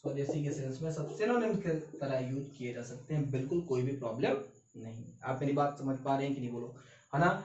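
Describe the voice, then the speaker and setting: A man's voice: medium pitch, expressive, brisk, darkish tone, a little hiss or hum. A man giving a vocabulary lecture, emphatic and often checking that students follow. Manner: emphatic, repeatedly checks understanding. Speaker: vocabulary teacher. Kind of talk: classroom lecture. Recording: roomy, distant, dull lo-fi sound.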